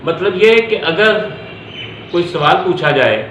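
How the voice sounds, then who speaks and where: His voice sits high, with lively intonation and a fairly bright tone, and he talks a little slowly. He's a man with a Pakistani accent explaining law in a lecture, repeating points step by step and using English terms, recorded in an echoey room with faint background noise.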